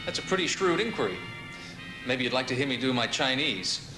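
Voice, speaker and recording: Breezy American wisecracker, flip and teasing, music behind. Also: male voice, mid-range voice, big pitch swings, a little fast, echoey room. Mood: joking. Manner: flip, joking. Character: wisecracking male American radio actor.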